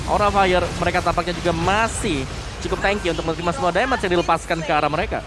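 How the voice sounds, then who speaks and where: Fast-talking high-voiced Indonesian male analyst. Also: steady tone. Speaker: esports analyst caster. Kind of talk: analytical game commentary. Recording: noisy broadcast with loud background noise.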